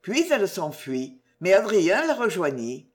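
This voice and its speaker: A woman narrating a classic novel in an audiobook, in a measured and expressive way. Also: fairly low pitch.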